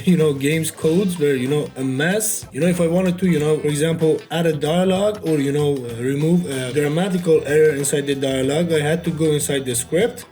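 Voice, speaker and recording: In a casual, unedited devlog, a native Farsi speaker gives a loose tour of his indie game, his voice somewhat high and a little mellow. Pauses get filled again and again with "you know".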